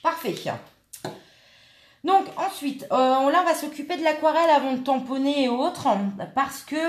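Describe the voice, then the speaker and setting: Chatty woman demonstrating crafts in echoey room. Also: sits high. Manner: chatty, hesitant, many fillers, talks while working. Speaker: scrapbooking tutorial host. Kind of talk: casual step-by-step craft demonstration.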